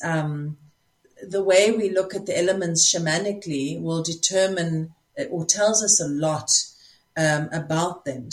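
A woman with a South African accent, speaking reflectively as a spiritual teacher in casual conversation, often pausing to find her words. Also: deep voice.

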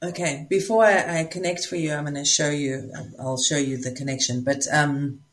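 A woman with a South African accent, speaking reflectively as a spiritual teacher in casual conversation, often pausing to find her words. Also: deep voice, steady tone.

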